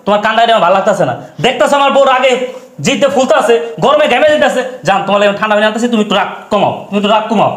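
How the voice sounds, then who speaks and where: A man's voice: sits high, rapid-fire, fairly bright tone. An actor playing a brusque young husband who throws his father out to please his wife. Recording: echoey room.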